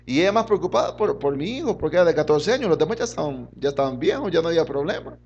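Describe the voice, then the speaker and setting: Middle-aged male pastor, high voice, fervent sermon delivery with sharp loud-soft swings. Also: lively intonation, rapid-fire, highs cut off, slight background noise. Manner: fervent, swings between loud and soft, often says "hermano".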